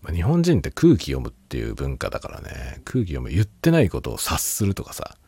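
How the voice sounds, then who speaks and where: A man's voice: rumbling low, huge pitch swings, brisk, warm tone, slightly rough, no echo. A man hosting a casual solo talk show, rambling and laughing a lot while tipsy. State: drunk. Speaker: podcast host.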